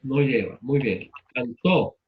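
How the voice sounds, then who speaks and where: A man's voice: mid-range voice, slow pace, narrow, tinny audio, a little hiss or hum. A man teaching a class, repeating students' answers and asking them questions in turn. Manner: patient, repeats answers back and asks questions.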